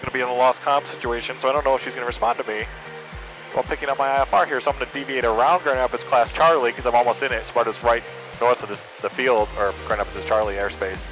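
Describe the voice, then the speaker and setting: A man's voice: medium pitch, steady tone, fast, poor audio. An American man working as a pilot, making clipped aviation radio calls and cockpit comments. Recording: aircraft cockpit audio, music behind.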